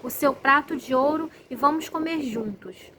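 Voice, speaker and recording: Polite frog guy from a fairy tale, lady reading it, calm and courteous, highish voice. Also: normal speed, slight background noise. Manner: courteous, patient.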